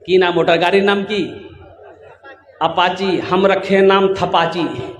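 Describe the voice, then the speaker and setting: High-voiced preacher with a Kolkata accent. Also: male voice, unhurried, reverberant, long reverb tail, lo-fi sound, a little hiss or hum. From Kolkata, India. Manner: jokey, calls on the crowd to answer back. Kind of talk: humorous sermon. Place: mosque gathering.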